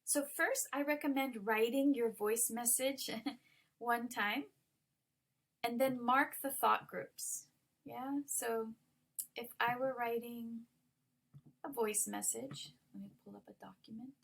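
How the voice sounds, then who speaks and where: A woman's voice: fairly high pitch, fairly even intonation, slow pace, gravelly, a bit bright. A woman ESL teacher walking students through an online lesson, explaining patiently with many ums. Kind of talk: recorded online lesson walkthrough.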